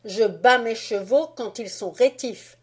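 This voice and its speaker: A woman voicing a bossy, boastful young boy in a storybook, loud and swaggering. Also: on the high side, measured pace, slightly rough, pitched above the performer's own voice.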